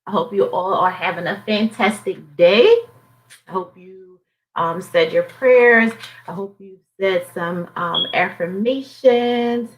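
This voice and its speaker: A woman's voice: mid-range voice, slow pace, highs cut off. A woman with a Southern US accent, a financial coach chatting casually on a live stream, upbeat and repeating herself for motivation. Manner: upbeat, repetitive motivational talk.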